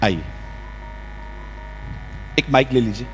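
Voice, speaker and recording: Lively preacher in an echoing hall. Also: male voice, mid-range voice, slow pace, slight background noise. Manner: lively preaching with acted-out quotes and role-play. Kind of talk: sermon. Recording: long hall reverb.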